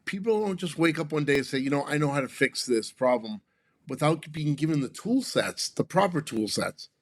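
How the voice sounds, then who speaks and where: A man's voice: a little high, lively intonation, moderate pace, dry recording, studio quality. A man co-hosting a business podcast who explains his points emphatically and often ends them with "right?". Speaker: podcast co-host, consultant. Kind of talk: casual podcast conversation.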